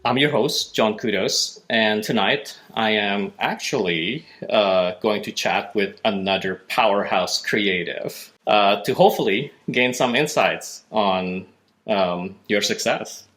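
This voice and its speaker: A man's voice: lowish voice, a bit bright. A man hosting a design podcast, friendly and easygoing, often laughing with his guest. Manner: friendly, laughs easily, slightly halting with fillers. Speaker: podcast host. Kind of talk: podcast interview.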